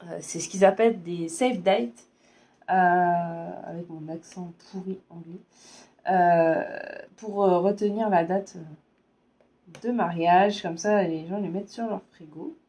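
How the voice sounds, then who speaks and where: A woman in her thirties from France with a sore, hoarse throat, chatting casually as a vlogger and hesitating often. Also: fairly low pitch, fairly even intonation, measured pace, warm tone. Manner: hesitant, many fillers. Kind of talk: casual chat.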